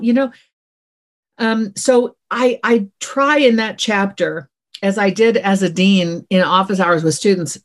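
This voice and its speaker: A middle-aged woman, an author and former dean, answering interview questions in a lively, encouraging way, acting out little quoted voices and often checking in with "okay?". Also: mid-range voice.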